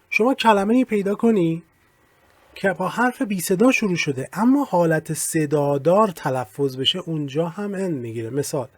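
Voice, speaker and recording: A man teaching English grammar in Persian, with slow, careful readings of the English examples. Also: fairly high pitch, dry recording. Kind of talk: recorded lesson explaining grammar.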